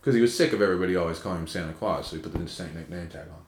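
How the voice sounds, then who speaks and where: A man's voice: deep voice, rapid-fire, noisy background. A man co-hosting a podcast in playful, teasing, swearing casual chat. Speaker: podcast co-host. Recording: echoey room.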